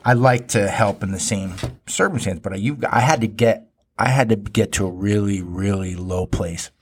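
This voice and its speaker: A man's voice: lowish voice, moderate pace, breathy edge. A man hosting a casual conversation, speaking earnestly and preachily while swearing freely.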